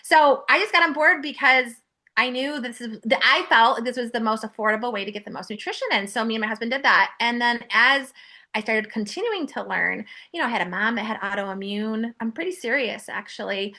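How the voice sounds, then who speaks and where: A woman in her forties talks as a podcast guest, animated and chatty, full of fillers as she goes. Her voice is bright and sits fairly high. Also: a little fast. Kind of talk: casual interview chat.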